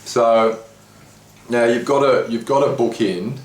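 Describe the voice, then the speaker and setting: A man telling a story in casual conversation, animatedly acting out what others said. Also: a little slow. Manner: animated retelling, voicing others with rising pitch. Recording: echoey room with faint background noise.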